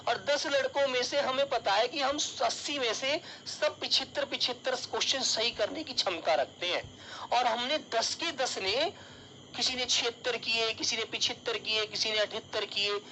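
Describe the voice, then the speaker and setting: A man's voice: very high-pitched, normal speed, bright, forceful tone, slight background noise, poor audio. A male teacher giving an online exam-prep lesson, calling his students child and dear and explaining with everyday examples.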